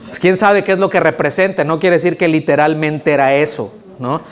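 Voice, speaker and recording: A man preaching a sermon in a church, talking to the congregation in an animated, conversational way and often checking that they follow him. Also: fairly high pitch, brisk. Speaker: pastor. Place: church sanctuary.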